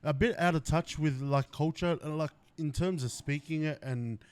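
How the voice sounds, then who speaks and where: A man hosts a casual podcast chat. He talks eagerly in a slightly raised pitch and fills his sentences with "like" and "you know what I mean." His voice sits dry and close, with no room sound around it. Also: moderate pace, darkish tone, no room sound. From Australia. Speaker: podcast host. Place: indoors at a company's headquarters.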